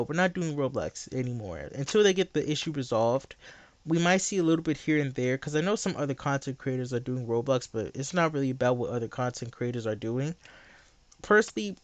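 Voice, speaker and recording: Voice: mid-range voice, lively intonation, brisk, dry recording. A teenage live streamer chatting and debating bluntly and casually while chewing gum. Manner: blunt, argumentative.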